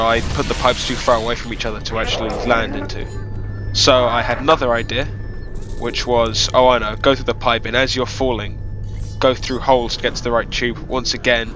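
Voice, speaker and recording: A man with a cold, sounding nasal and sniffly, rambles through self-deprecating developer commentary on his own game map, using lots of fillers. His medium-pitched voice stays level and runs a little fast over loud game music in this casual gameplay talk.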